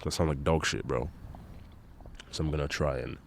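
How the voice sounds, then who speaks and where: A man's voice: rumbling low, steady tone, normal speed, creaky, slight background noise. A young man with a congested, nasal voice, rambling casually and swearing often as he hosts his own podcast. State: congested nose. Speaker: solo podcast host.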